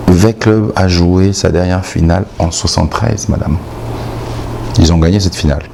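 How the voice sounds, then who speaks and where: A man with a Congolese French accent and a low, creaky voice is interviewed as a sports commentator against a noisy background. He gives outspoken, emphatic opinions and often repeats points for stress.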